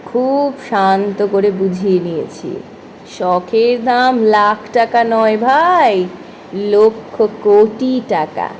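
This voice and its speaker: A spoken-word content creator delivers an informal, reflective monologue, chatting expressively and putting rhetorical questions directly to her listeners. Her fairly high voice is a little mellow, and the low-quality recording carries slight background noise.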